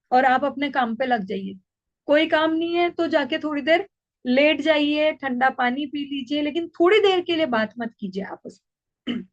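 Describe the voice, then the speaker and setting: Woman, high-pitched, parenting coach, calm patient teaching, muffled lo-fi sound. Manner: calm, patient, explains with worked examples. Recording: dull lo-fi recording.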